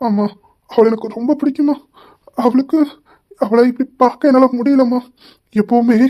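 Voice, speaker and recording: A woman's voice: on the high side, muffled recording, lightly acted. A woman voicing a young husband who pleads through tears in an audio drama. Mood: tender, grieving. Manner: sobbing, pleading. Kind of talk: amateur audio drama acting.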